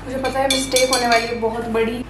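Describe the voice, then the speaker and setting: High-voiced woman rambling in a late-night vlog. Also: flat delivery, fast talker, very noisy. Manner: rambling, mixes Hindi with English, swears casually. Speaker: vlogger. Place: lying on the floor indoors at home. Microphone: phone camera up close.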